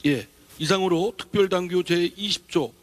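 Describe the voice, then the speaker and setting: A man with a high-pitched voice delivers a formal results announcement. He reads deliberately and officially, as an election official on stage. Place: political convention stage.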